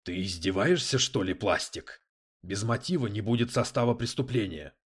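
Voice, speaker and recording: A man voicing a brash male police detective who talks in crude slang, loud and sarcastic. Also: lowish voice, animated, normal speed, slightly rough. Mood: needling.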